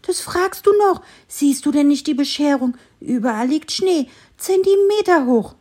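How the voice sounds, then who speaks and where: A woman's voice: high-pitched, measured pace, a little mellow, voice pushed up. A woman voicing a grumpy little squirrel who complains fussily, for a children's story. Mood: grumbling. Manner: fussy, complaining, exclaiming. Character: grumpy little squirrel, cross and easily upset.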